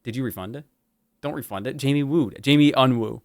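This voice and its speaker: A man's voice: medium pitch, brisk, no room sound, studio quality. A man hosting a live stream, chatty and joking, swearing casually as he moves between stories. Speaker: stream host.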